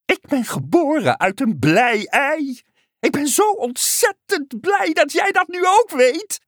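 A boundlessly happy little frog squeals every word, as a woman puts him on in a storybook voice. The voice sits very high and leaps wildly up and down. It is close and dry. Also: sing-song, slow, no echo, exaggerated voice. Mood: cheerful. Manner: squealing, exuberant. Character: overjoyed cheerful male frog, always happy. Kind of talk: storybook character voice.

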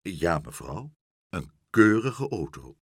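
Flustered, messy dad, read by a man, loud bursts, then stiffly polite; husky, dry. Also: deep voice, big pitch swings, slow, dry recording, voice pushed down, heavily acted. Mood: mock-proper. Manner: exclamatory, overly polite when acting proper. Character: chaotic, flustered father of many boys.

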